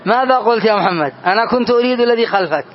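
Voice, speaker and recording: A man's voice: high-pitched, animated, rapid-fire, muffled recording, a little hiss or hum. A man teaching a grammar lesson to a class, explaining patiently and quizzing his students one by one.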